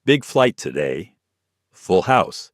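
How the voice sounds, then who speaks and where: A man voicing a smug male flight crew chief whose polished charm turns to quiet threat, in an audio story. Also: low voice, very animated, slow pace, no room sound, clean studio sound, exaggerated voice. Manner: falsely charming, hardening to threat.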